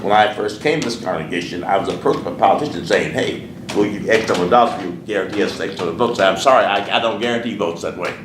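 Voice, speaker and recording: A man's voice: deep voice, fast, few pauses. An older man with a Southern American accent, a pastor from Alabama, earnestly recalling his life in an oral history interview, often repeating his words. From Sheffield, Alabama. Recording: echoey room, distant mic, noisy.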